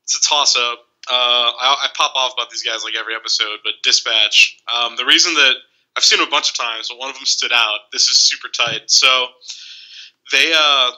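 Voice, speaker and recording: A young man hosting a casual podcast chat, telling animated stories and swearing freely. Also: mid-range voice, brisk, poor audio. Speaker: podcast host.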